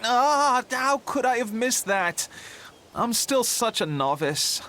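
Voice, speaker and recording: A man voicing a humble, hopeful young craftsman in a video game, speaking in an earnest, expressive way. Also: extremely high pitch, takes it slowly, full character voice. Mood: self-reproachful. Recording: faint background ambience.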